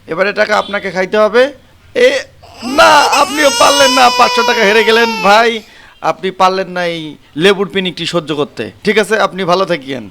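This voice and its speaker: A man's voice: high voice, a bit bright, no room sound. A man with a Bangladeshi accent hosts a street challenge, instructing contestants and repeating himself as he talks to camera. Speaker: challenge host. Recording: faint background noise, ambient sound.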